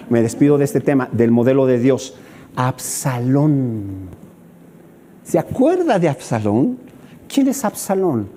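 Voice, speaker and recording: Man with a Mexican accent, sermon, lively pitch, warm mellow tone, faint background noise. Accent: Mexican Spanish. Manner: animated, acts out scenes, asks rhetorical questions. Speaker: pastor.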